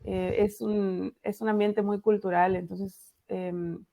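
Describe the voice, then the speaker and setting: Mexican woman author, gravelly voice. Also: mid-range voice, little pitch movement, mellow. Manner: chatty, lots of fillers and pauses. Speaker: author, interview guest. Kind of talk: casual interview over video call. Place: dark home room at night. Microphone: video call.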